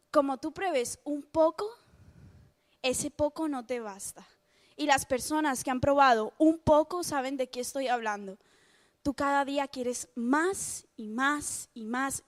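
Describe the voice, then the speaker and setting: A young woman with a Spain Spanish accent giving a chatty, lively youth sermon, often laughing at herself. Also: sits high. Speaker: youth speaker.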